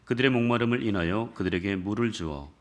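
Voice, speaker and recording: A man's voice: fairly low pitch, fast talker. A man pastor leading scripture reading, then preaching a sermon with jokes, questions to the congregation and rising emphasis. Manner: builds from calm scripture reading to emphatic exhortation.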